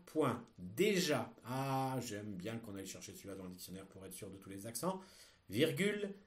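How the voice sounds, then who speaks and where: A man teaching, dictating in a deliberate way and explaining grammar didactically, with questions put to the listener. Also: mid-range voice, darkish tone. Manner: dictating phrases slowly and deliberately, then explaining in quicker asides. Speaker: French teacher.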